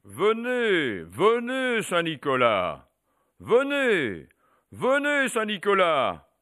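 A woman voicing a huge, menacing man who is a blood-soaked butcher, dropping low and drawing out each word. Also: wildly swooping pitch, a bit bright, heavily acted. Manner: slow, deep, lurking invitation.

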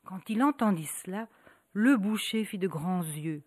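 A woman telling a folk tale aloud. She builds rhythm through repetition and dramatic pauses. Her mid-range voice is recorded close and dry. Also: medium pitch, animated, dry recording. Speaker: storyteller. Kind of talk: storytelling narration.

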